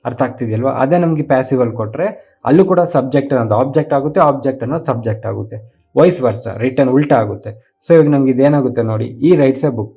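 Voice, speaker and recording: A man's voice: mid-range voice, warm tone, husky. A man teaching English grammar for an exam, explaining patiently and often checking that students follow. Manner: patient, repetitive explaining with frequent check-in questions. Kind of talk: exam-prep grammar lesson, explaining step by step.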